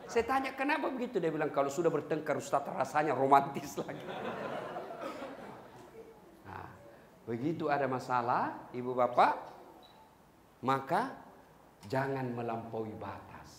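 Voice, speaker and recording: A male Indonesian preacher giving a lively sermon, joking with the congregation and now and then breaking into song. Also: mid-range voice, unhurried, long pauses. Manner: animated, jokes with the crowd, breaks into song. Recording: echoey hall with long reverb.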